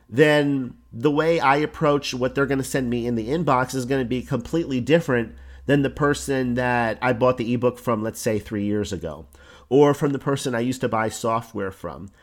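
On his solo podcast about online business, a man speaks into the mic with a hoarse voice at an average male pitch. His delivery is relaxed and conversational, and he relies on simple examples to get his points across.

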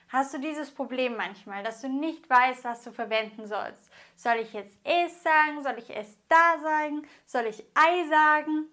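A woman from Germany teaching a grammar lesson as a Spanish teacher, explaining slowly and deliberately and spelling out each example. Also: high-pitched, pushed and bright.

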